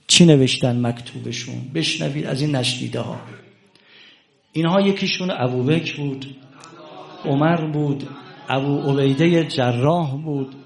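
A man preaching a sermon to a congregation, swinging between loud exclamations and hushed asides. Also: mid-range voice, gravelly. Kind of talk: religious sermon.

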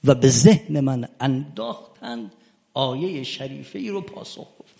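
A man preaching a sermon, retelling a debate in quoted dialogue and rising to emphatic, loud peaks. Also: medium pitch, lively intonation, gravelly. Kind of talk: religious sermon storytelling.

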